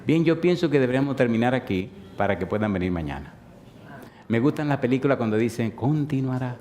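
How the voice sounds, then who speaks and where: A man's voice: medium pitch, animated, brisk, darkish tone. A man in his fifties preaching a sermon, telling stories playfully and asking the congregation questions. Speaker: pastor.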